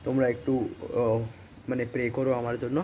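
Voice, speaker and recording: Hoarse teenage boy vlogging with a cold. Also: medium pitch, monotone, fairly quick, dark tone, dull audio, a little hiss or hum. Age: teens. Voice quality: rambling, many fillers and English words. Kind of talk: casual vlog chat. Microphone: phone camera.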